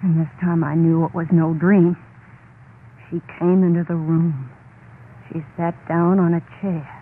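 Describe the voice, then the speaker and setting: In an old-time radio horror play, an actress voices a haunted, unhinged wife confessing to murder, delivering dramatic first-person narration full of dread. Her fairly low, steady female voice is close to an everyday one, yet intense and halting, and she insistently repeats herself. The recording is tinny and band-limited, with faint noise.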